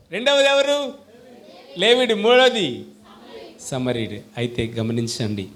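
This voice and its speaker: A male preacher with a Telugu accent, delivering a sermon in a lively call-and-response way. His voice sits a little high for a man, and he keeps firing questions at the congregation, shifting between loud calls and quiet asides. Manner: animated, swings between loud and soft.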